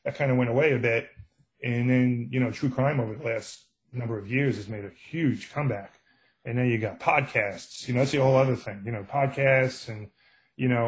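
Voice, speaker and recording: An older middle-aged man from Brooklyn, New York, speaks with a Brooklyn accent at a medium pitch, and the recording is rough. He's a true crime author appearing as a podcast guest, chatting casually and telling anecdotes while acting out the quoted exchanges.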